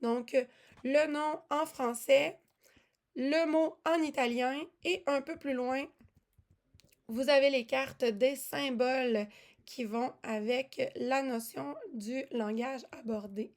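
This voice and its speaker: A woman presents music lesson materials in a casual walkthrough. Her voice sits slightly high, and she talks in a chatty way, with frequent fillers and self-corrections. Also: fairly even intonation, slow pace. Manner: chatty, many fillers and restarts. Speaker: music teaching resource presenter.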